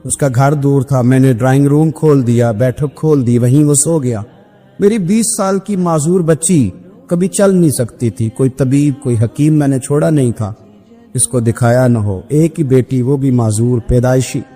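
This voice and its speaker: A man preaching a sermon as an emotional story, with his voice climbing high at dramatic moments. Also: warm tone. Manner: dramatic, pitch rising high at emotional peaks, breaks into sung verse. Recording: long hall reverb with faint music.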